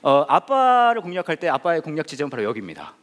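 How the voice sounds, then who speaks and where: Fast animated male pastor. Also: fairly high pitch, in a large hall. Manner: animated, jokey, acts out voices. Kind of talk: humorous sermon storytelling.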